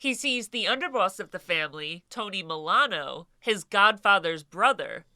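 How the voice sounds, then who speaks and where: A woman narrates true crime casually, like a chatty host talking to regular viewers. Her voice is bright and forward but clearly congested, with the blocked, nasal sound of a head cold. The sound is dry, with very little room around it. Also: medium pitch, animated, normal speed, no room sound. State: sick with a stuffed nose.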